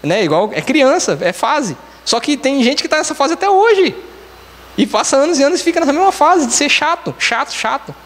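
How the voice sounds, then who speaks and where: A man's voice: very high voice, sing-song, brisk, a bit bright. A man with a Brazilian Portuguese accent preaching a conversational sermon as a church elder. He explains each point step by step in a plain teaching tone and keeps saying "então, assim.". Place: church hall. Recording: church hall with long reverb.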